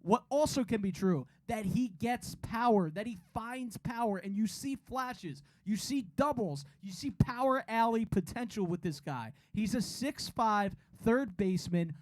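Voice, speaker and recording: A man's voice: high voice, unhurried, hardly any pauses, no room sound. A man co-hosting a sports podcast in casual banter, arguing his points insistently and repeating himself. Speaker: podcast co-host.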